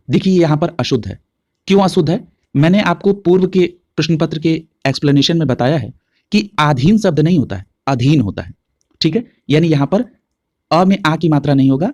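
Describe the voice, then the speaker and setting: Higher-voiced male teacher explaining methodically. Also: a little mellow, no room sound, clean studio sound. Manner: methodical, explains step by step with frequent check-ins. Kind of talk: exam-prep lesson, solving past papers.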